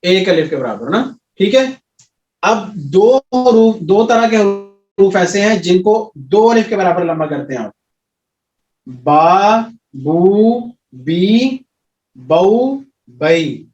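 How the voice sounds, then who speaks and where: A man teaching an Arabic recitation class, patiently repeating sounds slowly and quizzing his students. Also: high voice, animated, darkish tone. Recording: echoey room, voice from a distance, dull sound.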